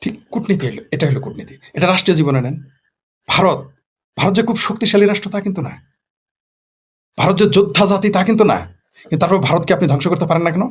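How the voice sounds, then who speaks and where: A man's voice: high voice, lively intonation, quick pace, pauses often, breathy edge. A man from Bangladesh, a political commentator in a casual late-night monologue who poses rhetorical questions and answers them himself.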